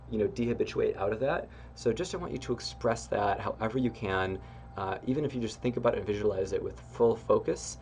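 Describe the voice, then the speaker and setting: A man with a fairly low voice leads a guided self-help exercise as a spiritual teacher. His talk is engaged and expressive, gently encouraging, with easy fillers and small laughs. A faint hiss runs under the recording. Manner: soft laughs and relaxed fillers.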